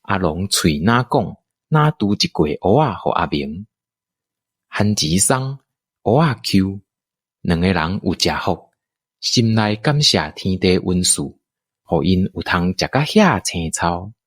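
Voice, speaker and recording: A Taiwanese man narrates a radio drama in a low, very lively voice, telling the story expressively. He speaks slowly with a breathy edge, and the studio recording is dry with no room sound.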